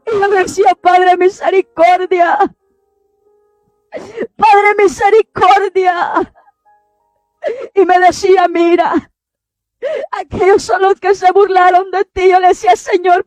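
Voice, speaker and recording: A woman's voice: very high-pitched, dry recording. A woman preacher giving a fervent, pleading testimony, often crying out through tears.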